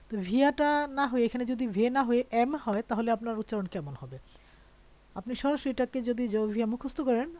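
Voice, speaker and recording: Mellow-voiced woman teaching a language lesson. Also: medium pitch. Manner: patient, checks in with listeners often; reads conjugations slowly one by one. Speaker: French teacher.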